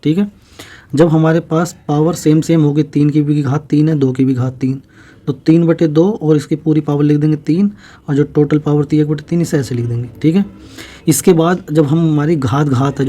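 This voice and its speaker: A man's voice: fairly high pitch, steady tone, dark tone. A man teaching a maths exam-prep lesson, walking through each step, asking questions and answering them himself. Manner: explains slowly, repeats steps, asks and answers own questions.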